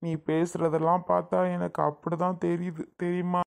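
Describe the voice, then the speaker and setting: A woman's voice: on the low side, level tone, moderate pace, creaky, darkish tone, clean tone. A woman playing an emotional grown man, a doting elder brother who sulks and pleads in a family comedy skit. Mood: hurt pleading. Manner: pleading, tearful and sulky.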